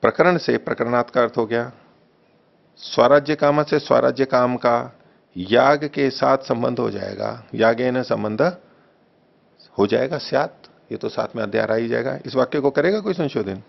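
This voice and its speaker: A man teaching a text study class, reading a translation slowly, repeating phrases and correcting the wording patiently. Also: mid-range voice, vocal fry. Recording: dull lo-fi recording.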